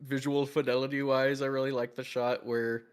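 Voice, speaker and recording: A man's voice: mid-range voice, level tone, moderate pace, smooth. Guy hosting a q&a on a call, rambly, laughs a lot, totally average voice. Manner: rambling, laughs often, many restarts. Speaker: animation studio team member hosting Q&A. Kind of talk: casual group Q&A chat.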